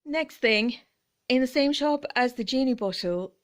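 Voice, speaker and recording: Woman, casual vlog chat, gushing, soft whispered asides. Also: high-pitched, expressive, measured pace. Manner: chatty, gushing, dips into whispers. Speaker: vlogger.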